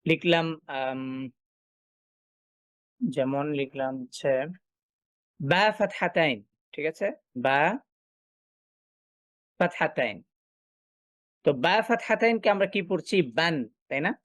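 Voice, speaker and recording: A man teaching a recitation class, explaining step by step and asking and answering his own questions, often pausing with filler sounds. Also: fairly high pitch, lively intonation, fairly bright tone, no room sound, studio quality. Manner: frequent filler sounds while thinking. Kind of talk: online class lecture.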